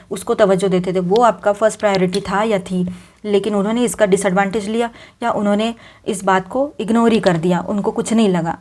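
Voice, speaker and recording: A tarot reader with a Hindi accent and a mid-range, darkish voice reads cards directly to her viewers in a casual, conversational way. Speaking Hindi, she mixes in English words, uses many fillers and often restarts her sentences.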